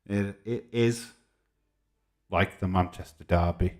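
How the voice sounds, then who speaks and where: A forty-something man from Yorkshire, England, with a Yorkshire English accent runs a casual livestream, bantering informally as he reads out and answers comments. He takes it slowly, with a low-pitched, slightly mellow voice and fairly even intonation.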